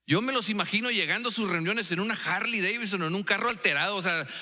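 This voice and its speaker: A man's voice: high-pitched, fast, bright, forceful tone. A man with a Mexican accent preaching a sermon in a church, playful and full of storytelling and jokey asides. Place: church sanctuary. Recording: echoey church hall.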